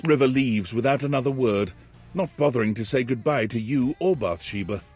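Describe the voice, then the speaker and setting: An actor playing a wry narrator who describes the scene in scripted dating game narration. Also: male voice, mid-range voice, brisk, a little mellow, slightly rough, soft background music, lightly acted. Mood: wry, observant.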